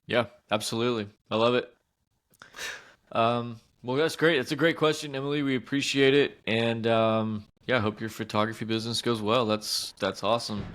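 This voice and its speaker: A man talks through money advice on a podcast in a relaxed, conversational way. His voice is clear and resonant, and he keeps things friendly with plain everyday examples. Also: medium pitch, normal speed. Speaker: podcast co-host, accountant. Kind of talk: casual advice talk.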